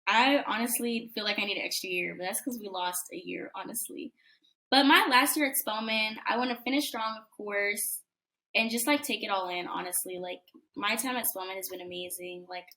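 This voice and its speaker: Bright-voiced young woman chatting over a call. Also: mid-range voice. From United States. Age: 20s. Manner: chatty, upbeat, lots of fillers. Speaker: guest, college student. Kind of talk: casual interview chat. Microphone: video call.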